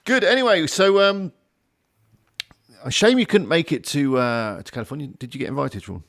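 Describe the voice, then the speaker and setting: A man's voice: on the high side, expressive, moderate pace, a bit bright. A man hosting a casual livestream group call in an easygoing, conversational way. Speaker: livestream host.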